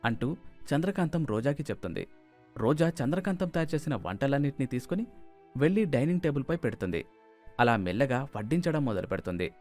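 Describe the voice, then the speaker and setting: A man's voice: mid-range voice, very animated, quick pace, a little mellow, faint music behind. A man narrating a cartoon moral story in plain scripted storytelling.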